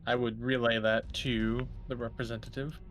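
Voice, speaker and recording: A man's voice: medium pitch, little pitch movement, normal speed, a bit bright. A man playing in a tabletop game, talking casually and hesitantly as he thinks aloud. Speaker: player. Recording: faint music behind.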